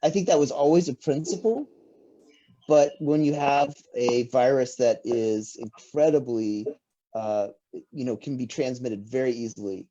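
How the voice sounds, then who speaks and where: A man's voice: medium pitch, steady tone, unhurried, dark tone, highs cut off. Hesitant man hosting an interview. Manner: hesitant, restarting phrases. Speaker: interview host. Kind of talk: casual interview conversation.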